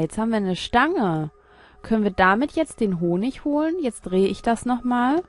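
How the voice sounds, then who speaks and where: A woman's voice: mid-range voice, darkish tone. A woman commenting casually on her gameplay, muttering and puzzling aloud as she thinks. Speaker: let's play host.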